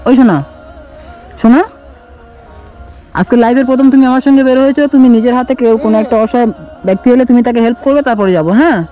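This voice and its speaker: A man talks gently and coaxingly to his small daughter while vlogging outdoors in the shade. His voice is mellow and warm at a middling pitch. The recording sounds dull and lo-fi, with faint music behind. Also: steady tone, fast, long pauses. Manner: coaxing, doting, talks softly to a small child. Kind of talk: casual vlog talk to a child. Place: outdoors in tree shade on a hot day.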